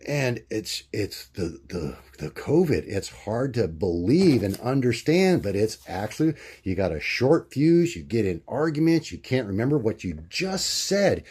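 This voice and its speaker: A man records himself at home on a camera mic, rambling in a loose video-diary style. He stops and starts a lot, trips over fillers and loses words mid-sentence. His voice sits at a mid pitch for a man. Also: very animated, unhurried, hardly any pauses, darkish tone, husky. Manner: acts out quoted voices in a much higher pitch. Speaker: vlogger.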